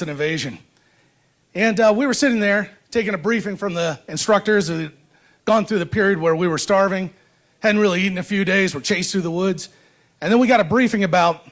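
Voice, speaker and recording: American man giving a high-pitched, emphatic podium speech. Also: a bit bright. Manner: solemn, emphatic, deliberate rhetorical phrasing. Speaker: veteran giving a speech at a rally. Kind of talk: podium speech, public oratory.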